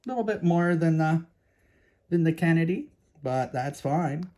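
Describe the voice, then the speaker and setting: He's a coin-collecting channel host with a Canadian accent, speaking to his viewers in a relaxed show-and-tell vlog. The voice is a little high and animated, warm in tone, at a measured pace, and he comes across chatty and keen.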